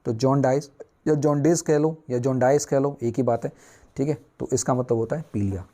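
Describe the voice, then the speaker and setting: A man's voice: medium pitch, brisk, warm tone. A man teaching newspaper vocabulary, asking and answering his own questions at a whiteboard.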